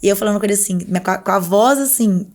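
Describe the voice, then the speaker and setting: A woman with a lilt talks at a rapid clip as a podcast guest. She tells her story in an animated way and slips into the voices of the people in it. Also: mid-range voice. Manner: animated storyteller who acts out other people's words. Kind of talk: casual interview storytelling.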